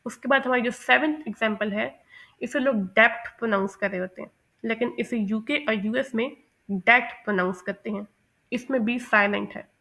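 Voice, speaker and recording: A woman teaching English pronunciation in a methodical lesson, mixing English terms into Hindi and repeating example words slowly. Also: fairly high pitch, gravelly, pushed and bright. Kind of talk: explanatory lesson.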